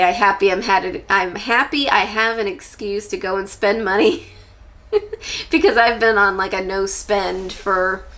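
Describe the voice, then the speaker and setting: Candid woman in her forties, gravelly edge. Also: medium pitch, a bit bright. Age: 40s. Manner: candid and musing, with frequent small restarts. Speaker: vlogger. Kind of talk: casual reflective chat to camera.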